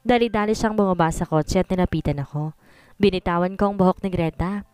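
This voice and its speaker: A woman's voice: on the low side, brisk, a little mellow, clear, resonant tone, no room sound. A woman narrating a dramatic first-person story in a scripted style, switching between Tagalog and English.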